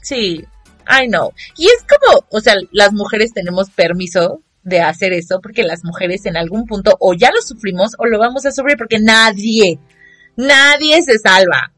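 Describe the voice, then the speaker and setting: A young woman with a Mexican Spanish accent, telling a casual vlog story in an expressive, dramatic way and mocking the people she quotes. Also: medium pitch, moderate pace, soft background music. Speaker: vlogger.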